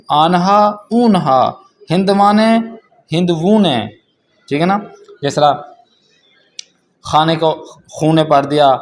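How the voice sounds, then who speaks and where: A man teaching a language class, explaining a workbook and reading example sentences slowly and carefully. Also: high-pitched, a little hiss or hum.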